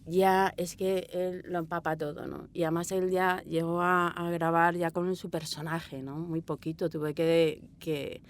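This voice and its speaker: This expressive Spanish woman has a lower-pitched voice and speaks at a measured pace with few pauses. Being interviewed as an audio drama director in a small sound booth, she rambles through informal, anecdotal answers and acts out quoted lines.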